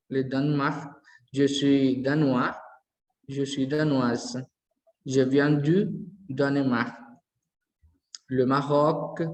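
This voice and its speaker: A man teaching a language lesson, slowly repeating each word form aloud as he explains it. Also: mid-range voice, a little mellow. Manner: slow, careful, repeats word forms aloud. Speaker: French teacher. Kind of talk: bilingual classroom lesson. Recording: echoey hall.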